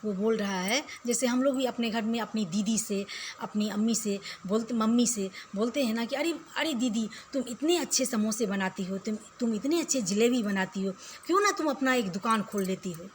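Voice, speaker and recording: A young woman with a slightly high voice teaches a children's poem. She recites each verse in a sing-song voice, then explains it conversationally and often repeats herself. Faint noise sits under the recording. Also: expressive, moderate pace. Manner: repeats and restarts phrases while explaining.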